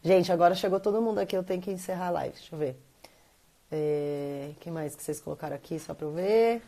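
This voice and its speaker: A woman's voice: fairly low pitch, brisk, creaky. A woman in her thirties with a Brazilian accent, hosting a casual live stream, talking animatedly and reading viewer comments. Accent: Brazilian Portuguese. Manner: chatty and animated, quoting others in playful voices.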